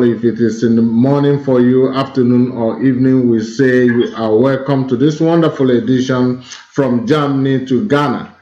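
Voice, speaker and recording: A man hosting a livestream show, addressing the audience formally, with halting speech and many fillers. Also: mid-range voice, a little mellow, echoey room, highs cut off. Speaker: host.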